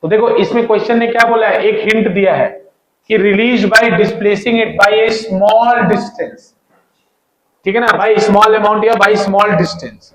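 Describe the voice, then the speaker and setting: A man's voice: high-pitched, fairly even intonation, slow pace, fairly bright tone. A man teaching physics in a classroom-style lecture, repeating key points and asking students questions as he goes. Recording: echoey room.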